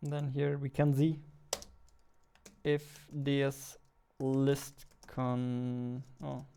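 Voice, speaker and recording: A young adult game developer vlogs from an indoor desk, musing aloud with jokey, self-mocking remarks as he works. He speaks extremely slowly with a completely flat delivery, in a warm, medium-pitched voice with vocal fry. Slight background noise is present.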